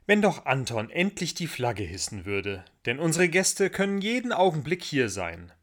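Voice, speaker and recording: A man's voice: a little high, very animated, normal speed, voice pushed up. A man doing a firm kindly farm mother. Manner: firm, warm and decided.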